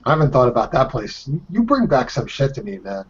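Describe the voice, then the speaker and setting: A man in his fifties from the Boston area talks loosely in a casual chat, rambling through old memories and swearing freely. His voice sits at a middle pitch, and the recording sounds dull and lo-fi. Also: sing-song, a little fast, husky. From Boston area, Massachusetts.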